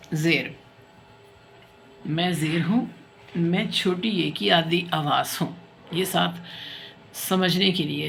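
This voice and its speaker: A woman teacher giving a reading lesson to young children, patient and explanatory, who reads example sentences slowly and carefully. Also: low voice, vocal fry, a bit bright, a little hiss or hum. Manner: patient, explanatory, checks in often. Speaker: primary school teacher.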